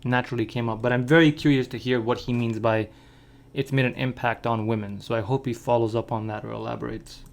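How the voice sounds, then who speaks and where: Male commentary host, mid pitch, calm and analytical. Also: fast, creaky. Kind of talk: casual reaction commentary.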